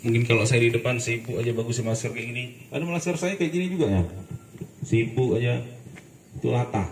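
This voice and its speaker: A man's voice: mid-range voice, fairly bright tone. Man, lecturing students, firm, corrective, assembly speech, distant mic, noisy. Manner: firm and corrective, with casual asides. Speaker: speaker addressing students at a school assembly. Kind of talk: lecturing, giving instructions. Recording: echoey, far from the mic, noisy.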